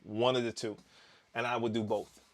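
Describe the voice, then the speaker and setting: At normal speed and an average male pitch, a Dutch DJ from the Netherlands answers viewers' questions during a relaxed live stream. Dutch is his first language, and he reads the comments aloud in an easygoing, rambling manner, with many fillers and restarts.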